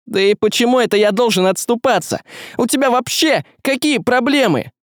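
Reader doing a loud slangy young guy, high pitched, dry close mic. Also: sing-song, measured pace, no echo, exaggerated voice. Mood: shouting. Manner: loud, blunt, modern slangy talk. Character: brash, hot-tempered young man.

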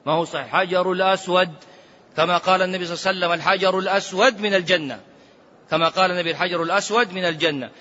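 A man, a sheikh giving a lively religious lesson, switching between everyday speech and chanted quotations. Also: a little high. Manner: lively, mixes colloquial Arabic with quoted scripture, chants some phrases. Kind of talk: sermon-style religious lesson. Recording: lo-fi recording in a reverberant hall.

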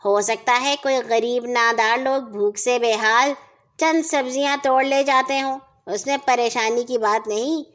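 A woman's voice: on the high side, fairly bright tone, close to an everyday voice. A woman voicing a smug, shameless male neighbor in a children's story, talking sweetly and brazenly. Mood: preachy.

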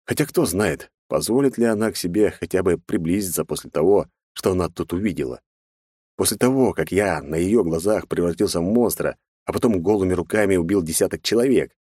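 A man reads a first-person audiobook in a very low voice, with a wry inner-monologue tone. The recording is dry and close, with no room sound. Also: expressive, brisk, dark tone, husky, dry recording. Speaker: audiobook narrator.

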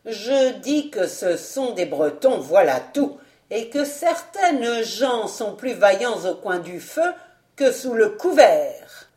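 A woman's voice: a little high, sing-song, takes it slowly, darkish tone, reverberant. A woman voicing a dignified, ironic old peasant woman who speaks sharply. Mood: sardonic.

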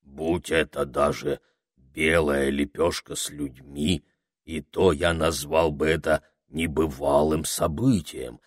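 A man voicing a huge, kindly creature who is hard of hearing and talks slowly in a pompous, fussy way. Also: rumbling low, fairly even intonation, no room sound, clean studio sound, pitched below the performer's own voice, exaggerated voice. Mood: amazed.

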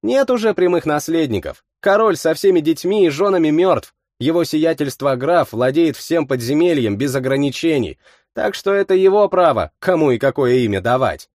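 A man doing a brisk, shrewd woman. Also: fairly high pitch, lively intonation, darkish tone, no room sound, studio quality, pitched above the performer's own voice, lightly acted. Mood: commanding. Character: composed, shrewd woman who calms others.

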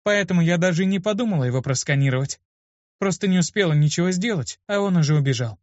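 Brief: a man doing a fiery young woman healer, raised and sharp, in a dull lo-fi recording. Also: high voice, animated, fast talker, no room sound, pitched above the performer's own voice. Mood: flustered. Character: young woman healer, hot-tempered, accusing.

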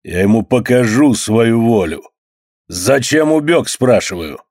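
A man's voice: fairly low pitch, measured pace, no echo, clean studio sound. Man doing a coarse, bullying barge owner. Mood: angry. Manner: coarse, threatening, loud.

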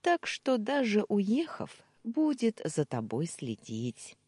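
A woman's voice: mid-range voice, wildly swooping pitch, slow pace, a little mellow, husky, no echo, voice pushed up, heavily acted. A woman voicing a gossipy pregnant young woman who talks in a conspiratorial, often whispered manner in an audiobook. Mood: confiding. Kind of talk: audiobook character voice.

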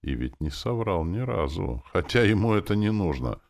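A man narrating a first-person audiobook in a wry, expressive reading. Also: sits low, normal speed, gravelly.

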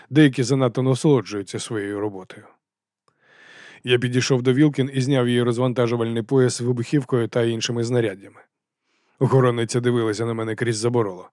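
A man narrates an audiobook in the first person, in a deadpan and sardonic tone. He reads at a brisk, quick pace. The recording is close and dry, with no room sound. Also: medium pitch, dry recording. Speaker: audiobook reader.

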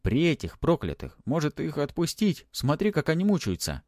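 A man voicing a brash, quick-witted young man bluffing his way through danger, in a storybook reading. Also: fairly high pitch, wildly swooping pitch, darkish tone, no room sound, studio quality, pitched above the performer's own voice. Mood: brazen bluffing. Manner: brazen and bluffing.

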